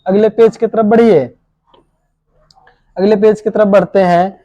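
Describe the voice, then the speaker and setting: A coaching teacher runs an exam-prep spelling lesson, calling his students "babu" and "bhai" and answering the questions he asks. His high-sitting voice is steady, unhurried and mellow, and the audio is dull with no room sound.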